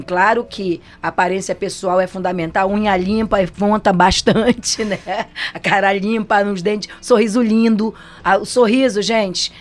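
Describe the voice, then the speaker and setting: A Brazilian woman giving a casual motivational talk as a business trainer, chatty and often checking in with her listeners. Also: mid-range voice. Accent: Brazilian Portuguese. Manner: chatty, frequent tag questions. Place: studio set for a program.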